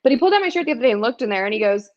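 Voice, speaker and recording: A young woman hosting a podcast, chatting in a bubbly, expressive way and laughing a lot. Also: on the high side, rapid-fire. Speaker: podcast host. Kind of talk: casual chat. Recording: dull lo-fi sound.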